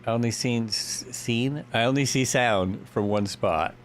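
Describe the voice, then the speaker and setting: Flying during his live stream, a man talks loosely with viewers, muses aloud, and lets out thrilled yelps and cheers. He speaks at medium pitch, a touch slowly, with slight noise in the background.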